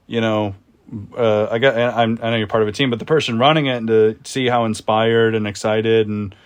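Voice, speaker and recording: A man co-hosting a podcast over a remote call, talking in a rambling, enthusiastic, halting way. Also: lowish voice, smooth. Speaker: podcast co-host. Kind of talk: casual interview chat.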